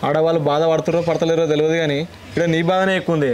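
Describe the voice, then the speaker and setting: A man's voice: a little high, fairly even intonation, very fast, a little hiss or hum, lightly acted. A young man playing a tender, teasing village lover. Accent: Telangana Telugu. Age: young adult. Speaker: young eloping groom.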